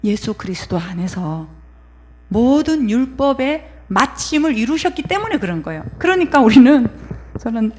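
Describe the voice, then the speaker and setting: A woman's voice: fairly high pitch, very animated, moderate pace, a little mellow. A middle-aged woman pastor preaching a sermon in a conversational way, acting out inner voices and putting questions to her listeners.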